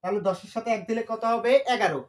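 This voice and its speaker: A woman teaching a beginner language lesson, repeating each number and asking and answering her own questions, with quick self-corrections. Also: fairly high pitch. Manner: corrects herself with quick "sorry". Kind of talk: whiteboard lesson explanation.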